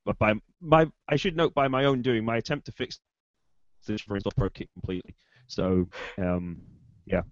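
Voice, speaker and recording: A man co-hosting a podcast, his voice on the low side as he rambles through a long explanation and pokes fun at himself. The call audio is dry and a little dull. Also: moderate pace, dry recording. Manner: rambling, self-deprecating explanation. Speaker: podcast co-host. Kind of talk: casual chat.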